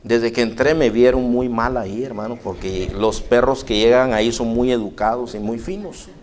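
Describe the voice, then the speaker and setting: A man's voice: medium pitch, steady tone, normal speed, a little mellow, slight background noise. A man preaching a sermon in a church, telling a personal story folksily and often calling listeners brother. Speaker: pastor.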